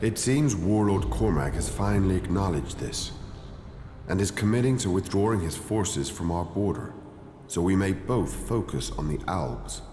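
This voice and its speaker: A man's voice: deep voice, expressive, normal speed, dark tone, slight background noise. An actor playing a stern, haughty male cleric leader in a video game, speaking formally and condescendingly. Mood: formal, measured. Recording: echoey hall reverb, music underneath.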